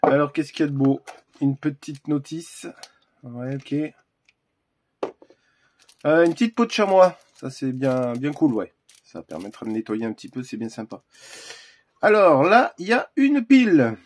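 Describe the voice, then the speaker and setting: A man's voice: mid-range voice, big pitch swings, a little slow, pauses often, slight background noise. A man hosting a casual unboxing video, talking hesitantly with lots of fillers and restarts. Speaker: gun accessory reviewer.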